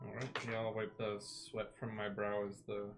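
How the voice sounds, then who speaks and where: A man's voice: on the low side, monotone, moderate pace. A man playing a tabletop game, chatting casually and describing his character's actions. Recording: noisy mic with clicks.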